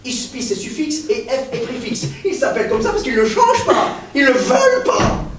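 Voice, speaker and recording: A man's voice: extremely high pitch, huge pitch swings, normal speed, a bit bright, slight background noise, full character voice. A male stage actor playing a pedantic, grandiose professor who lectures in a declamatory way and keeps addressing his pupil as "mademoiselle". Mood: pompous lecturing. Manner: declamatory, insistently repeats "mademoiselle". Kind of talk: stage play performance. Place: theater stage. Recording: echoey stage captured from far off.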